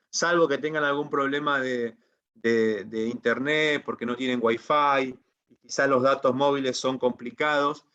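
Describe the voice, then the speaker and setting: A man lectures his Bible class over a video call, his voice sitting a little high for a man. He talks like a preacher and keeps checking that his students agree. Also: bright, forceful tone, muffled recording. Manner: preacherly, asks the class for assent. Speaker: Bible institute teacher.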